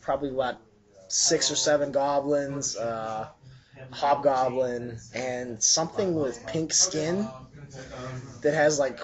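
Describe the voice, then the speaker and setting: A man working as game master, improvising narration for a tabletop game in a casual, halting way as he searches for words. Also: medium pitch. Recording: dull lo-fi sound, chatter behind.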